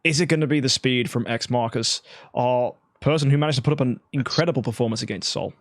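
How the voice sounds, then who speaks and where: A man calling a mobile game tournament as lead caster, talking fast and shouting at the big plays. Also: mid-range voice, no echo. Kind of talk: live esports commentary.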